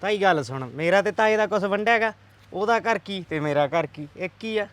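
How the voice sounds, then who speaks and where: A young man playing a calm, soft-spoken, dutiful village nephew in a village drama. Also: sits high, normal speed. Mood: mild.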